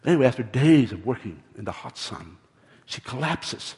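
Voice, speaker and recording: A man's voice: mid-range voice, lively intonation, normal speed, darkish tone, long reverb tail. A man preaching a sermon with impassioned, emphatic phrases, often repeating words. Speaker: pastor.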